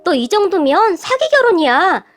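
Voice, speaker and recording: A woman doing a greedy middle-aged aunt who taunts and mocks in a high voice. The voice sits high. It is a storybook reading with faint music underneath. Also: sing-song, moderate pace. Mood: sneering. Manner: mocking, taunting.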